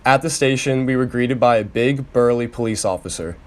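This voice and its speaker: A young man reading his own personal memoir aloud, steady and earnest, letting his sentence ends fall away softly. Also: medium pitch, fairly quick. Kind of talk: read-aloud personal narrative.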